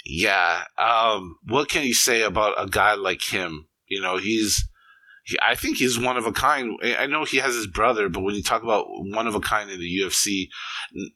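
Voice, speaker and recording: Bright-voiced, lowish man in dry close sound. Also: moderate pace, dry recording, low-quality recording. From Hawaii. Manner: chatty, enthusiastic, many restarts. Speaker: podcast co-host. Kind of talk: casual sports chat.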